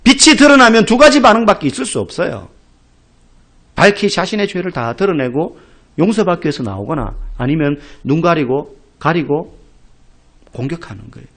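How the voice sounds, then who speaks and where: Korean pastor guy preaching, fairly high voice, super animated up and down, acts out the quotes. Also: normal speed. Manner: emphatic, rising to loud exclamations. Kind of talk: sermon.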